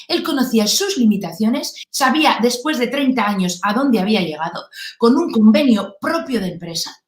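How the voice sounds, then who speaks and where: A woman, a guest telling a story in an interview and acting out the dialogue as she goes. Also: sits high. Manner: lively storyteller who acts out dialogue. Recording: roomy echo.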